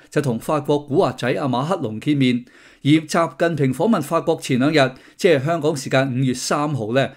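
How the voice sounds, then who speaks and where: A man's voice: a little high, darkish tone. A middle-aged man, hosting a casual political commentary with sardonic, mocking asides. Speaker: host of a commentary channel.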